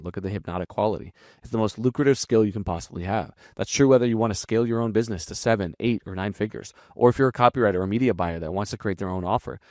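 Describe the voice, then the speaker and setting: A low-voiced man talks quickly and bluntly, explaining marketing copy in a casual, unscripted way. He swears freely and keeps a brisk, energetic flow. The recording is close and dry, with no room sound. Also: dry recording. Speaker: marketing and copywriting teacher. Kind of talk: casual screen-share breakdown.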